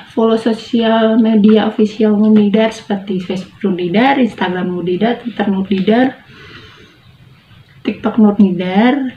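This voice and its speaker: A woman's voice: mid-range voice, a little hiss or hum. A woman reading her own short story aloud with feeling, then signing off in a casual chatty way. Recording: tinny, phone-like, echoey room.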